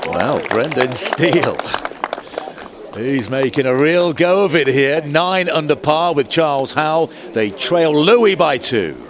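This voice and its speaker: A man commentating on live golf as a play-by-play announcer, moving between measured description and excited lifts. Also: on the high side, crowd noise. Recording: commentary over music and outdoor ambience. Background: music.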